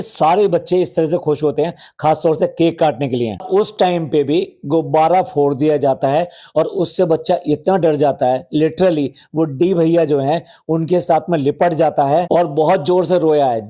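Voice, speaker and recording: A man's voice: on the high side, warm tone. A man hosting a commentary podcast, scolding and mocking the people in the videos and repeating phrases for effect. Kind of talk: sarcastic commentary on vlogs.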